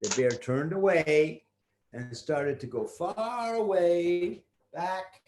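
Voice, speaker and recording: An older man tells an improvised children's story in a folksy manner. His pitch moves around a lot, and he takes his time, stretching words for effect. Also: slow pace. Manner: folksy, expressive, draws words out.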